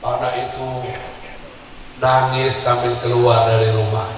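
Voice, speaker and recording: A male preacher who chants prayers in a sung voice and tells stories with animated shifts in voice. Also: mid-range voice, measured pace, a little hiss or hum. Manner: chanting supplications, then animated storytelling. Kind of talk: sermon with chanted prayer and storytelling. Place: large hall at a prison celebration. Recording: echoey hall recording from far off.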